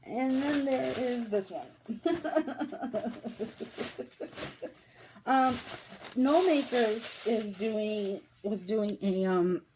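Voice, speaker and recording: A woman's voice: lowish voice, mellow. Giggly chatty woman, faint background hiss. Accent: New York. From Brooklyn. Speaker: knitting podcast host. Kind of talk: casual yarn haul chat.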